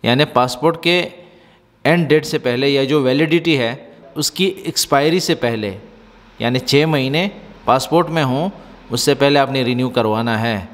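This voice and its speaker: Man teaching Arabic phrases, echoing. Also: mid-range voice. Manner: explains slowly, repeats phrases with translations. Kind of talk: language lesson in Urdu. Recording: hall reverb.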